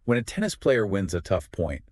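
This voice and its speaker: A man's voice: low voice, sing-song, normal speed, no room sound, studio quality. A man co-hosting an explanatory podcast, confidently walking through ideas step by step. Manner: confident, explains in clear steps. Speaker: podcast co-host.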